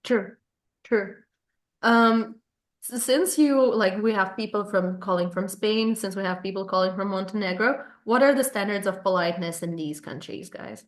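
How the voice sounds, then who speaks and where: A woman's voice: mid-range voice, moderate pace. Woman club host, echoey sound. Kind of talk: informal explaining to a group. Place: group online call. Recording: roomy, echoing online call.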